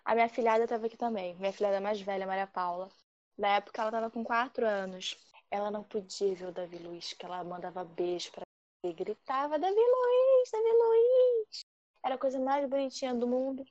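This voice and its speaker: Animated woman telling a story. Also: on the high side, no echo, lo-fi sound. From Rio de Janeiro, Brazil. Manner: animated, lively retelling with acted-out quotes. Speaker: guest storyteller. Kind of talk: casual personal storytelling.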